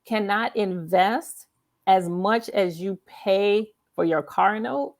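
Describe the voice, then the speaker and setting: The host of a live author interview show, this woman speaks at a slow pace with a medium-pitched voice. Her casual interview style is emphatic and affirming, and she repeats points so her audience can follow.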